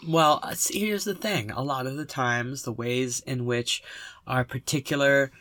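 Slow-paced man podcasting inside a closet. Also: mid-range voice, a bit bright, no echo. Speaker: podcast co-host. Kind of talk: casual podcast banter. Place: inside a clothes closet at home. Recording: close, dry closet sound.

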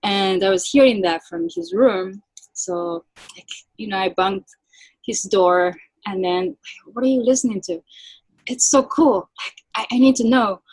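A Japanese-born woman violinist with a Japanese accent, a native Japanese speaker, chatting in an interview with a soft, halting delivery full of fillers. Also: mid-range voice, husky, dry recording, rough recording. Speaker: guest violinist. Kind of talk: casual interview chat.

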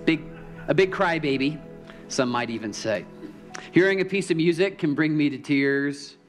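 A man preaching a heartfelt sermon in a church, speaking in a fairly high voice. He is openly emotional and tells a story gently. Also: normal speed, faint music behind. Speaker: pastor.

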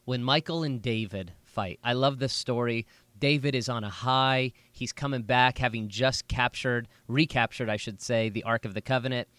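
A man, a pastor, co-hosting a casual Bible podcast, telling stories with animated energy and slipping into a preacher voice. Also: medium pitch, moderate pace, no room sound. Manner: animated storyteller, drifts into a preacher voice.

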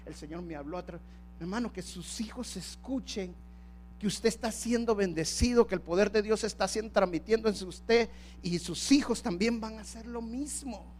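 A male pastor preaching a sermon. He swings from quiet storytelling to shouted calls for worship and acts out the voices of church members and family. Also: high voice, normal speed, slight background noise.

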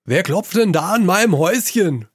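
Man putting on a gruff old storybook grandmother, suspicious, curt, dry sound. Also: sits high, expressive, normal speed, no echo, voice pushed up.

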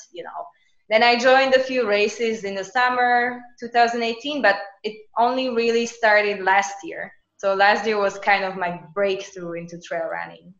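A woman in her thirties from Slovakia, speaking English as a podcast guest, lively and chatty with many casual fillers. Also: mid-range voice. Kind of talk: casual interview chat. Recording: echoey, dull lo-fi remote recording.

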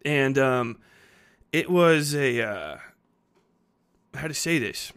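A podcast host and fiction writer in his thirties delivers a casual, unscripted monologue, rambling, blunt and slangy, with heavy casual swearing. His voice is medium in pitch and fairly bright, and he speaks slowly and expressively.

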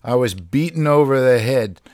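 A man being interviewed as a drummer guest, talking in a casual, halting way with many fillers and restarts. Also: mid-range voice, animated, darkish tone, no echo.

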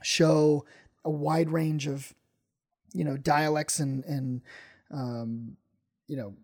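A man's voice: on the high side, fairly even intonation, slow, darkish tone. A man, a stand-up comedian, chatting casually on a podcast, rambling with many fillers and restarts.

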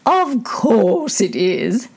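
Woman doing a slow, drawling old duchess, preachy and pompous, husky edge, sing-song. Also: a little high, sing-song, darkish tone, pitched above the performer's own voice, full character voice. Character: fussy old woman, a duchess fond of morals.

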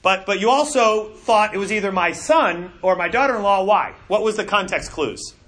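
Bright-voiced, animated male Bible teacher. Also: high-pitched, moderate pace. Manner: animated and conversational, with frequent repeated words. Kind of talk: classroom lecture.

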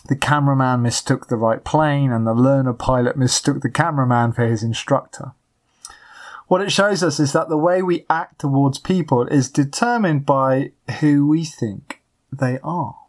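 A pastor delivers a weekly sermon to an island congregation, pacing it like a told story. The voice sits mid-range, steady and deliberate, and slows on the key points. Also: medium pitch. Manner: measured storytelling with acted quotes.

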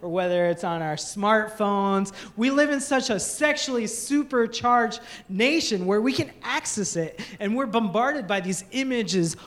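A woman's voice: medium pitch, expressive, a little slow, hardly any pauses. A woman pastor giving a sermon, telling stories animatedly and acting out the voices. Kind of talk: sermon with storytelling.

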